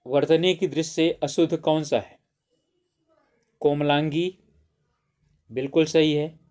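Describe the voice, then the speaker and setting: A man's voice: fairly high pitch, steady tone, slow, darkish tone. A man teaching an exam-prep grammar lesson, who keeps asking questions and answering them himself, often saying "theek hai".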